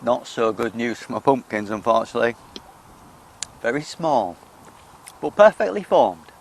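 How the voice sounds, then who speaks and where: Very animated and medium-pitched, a man from the United Kingdom talks at a moderate pace during a casual walk-through of his allotment. The vlogger, with a British English accent, is chatty and self-deprecating and eats as he speaks, over slight background noise.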